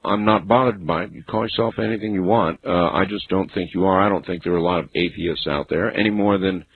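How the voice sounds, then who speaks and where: A man hosting a late-night call-in radio show, relaxed and wry, pushing back on his callers. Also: deep voice, fast. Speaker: radio talk show host. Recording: phone-like AM radio broadcast with faint hiss.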